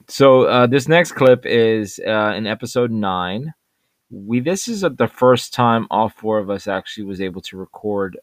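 A man hosting a podcast, introducing clips in a halting way with many filler pauses. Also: lowish voice, no echo. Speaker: podcast host.

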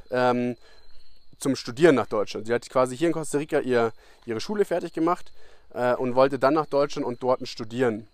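A man's voice: medium pitch, no echo. A young man hosting a casual podcast, rambling from one topic to the next with lots of fillers and restarts. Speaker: podcast host. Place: abroad in Costa Rica.

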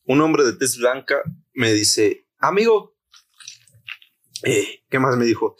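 A young man with a Mexican Spanish accent telling a story in casual chat, slangy and animated, acting out the voices he quotes. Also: mid-range voice, unhurried. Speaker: podcast co-host.

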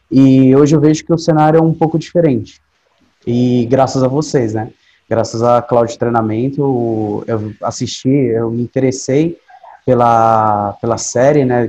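A man's voice: mid-range voice, warm tone. A man in his late twenties with a Brazilian Portuguese accent, chatting casually as an interview guest, peppering his talk with slang and tag questions. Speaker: podcast guest, DevOps specialist. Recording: dull lo-fi sound, faint noise.

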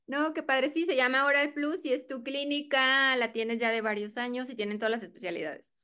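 A woman, a dentist hosting an interview, upbeat and asking quick questions. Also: high voice, sharp tone, clear, resonant tone. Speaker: dentist host.

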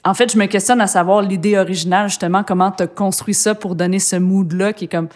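A woman's voice: medium pitch, fairly even intonation, quick pace. A woman with a Québécois French accent hosting a casual music interview, enthusiastic and imitating rhythms with her voice. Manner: enthusiastic, mimics beats with mouth sounds. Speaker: interview host.

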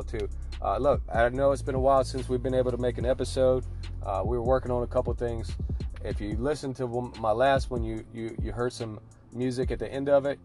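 A man with a mid-pitched voice hosts a sports podcast. He is chatty and informal, circling back on his own phrases, over a clearly audible music bed. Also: a little mellow. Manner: chatty, repeats himself, informal. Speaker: podcast host. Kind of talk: casual sports podcast talk.

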